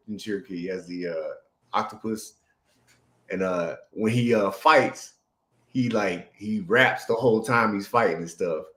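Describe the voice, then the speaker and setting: Slangy male co-host, echoey room. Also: mid-range voice. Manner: loose and slangy, with many fillers. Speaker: podcast co-host. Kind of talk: casual chat. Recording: roomy echo.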